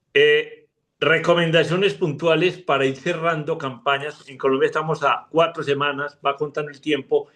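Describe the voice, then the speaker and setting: Male moderator, slightly higher voice, summarizing and asking questions on a video call. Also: a bit bright. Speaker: webinar moderator. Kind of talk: moderating a panel.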